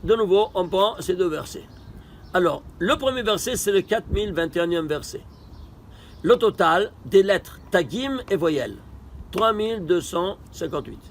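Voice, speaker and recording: A man teaching a Torah study lesson, posing rhetorical questions and answering them himself, emphatic with sudden bursts and quiet asides. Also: high voice, animated, moderate pace, a little hiss or hum.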